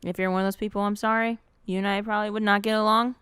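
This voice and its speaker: A woman's voice: medium pitch, flat delivery, racing, a bit bright, clear, resonant tone, dry recording, studio quality. A young adult woman from Michigan co-hosting a casual podcast on a headset mic, blunt and exasperated, swearing freely. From Dearborn, Michigan. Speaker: podcast co-host. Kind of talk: casual chat.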